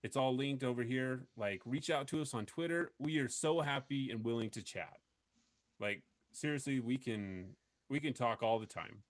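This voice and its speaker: A man's voice: mid-range voice, moderate pace, dry recording. A man hosting a podcast, talking earnestly and rambling with many fillers in casual chat. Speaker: podcast host.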